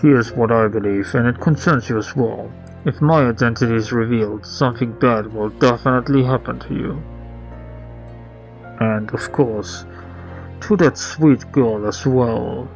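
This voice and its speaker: A man voicing a cryptic anonymous caller whose voice comes through a phone with heavy distortion, calm and measured with veiled threats. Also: mid-range voice, creaky, soft background music. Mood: menacing. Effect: heavily distorted phone voice. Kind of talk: reading a game aloud with voices.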